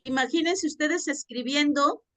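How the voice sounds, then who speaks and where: A woman's voice: high-pitched, moderate pace, fairly bright tone, dry recording. A woman teaching a class, reading a passage aloud and asking her students questions.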